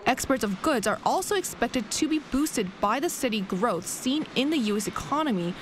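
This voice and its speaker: A woman news reporter delivering a scripted report in a steady, deliberate way. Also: on the high side. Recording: faint background noise.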